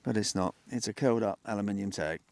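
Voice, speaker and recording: A man's voice: lowish voice, quick pace, a little mellow, no echo. A British man in his fifties chatting casually to viewers in an understated way, as a metal detecting vlogger out in an open field. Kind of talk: casual outdoor vlog narration. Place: outdoors in an open grassy field.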